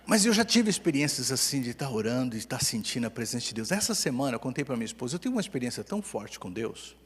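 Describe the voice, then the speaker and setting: A middle-aged man with a Brazilian accent preaching a sermon as pastor, telling stories with humor and swinging between loud and hushed delivery. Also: medium pitch, very animated, fast talker, breathy edge, big-room sound. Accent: Brazilian Portuguese. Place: church hall.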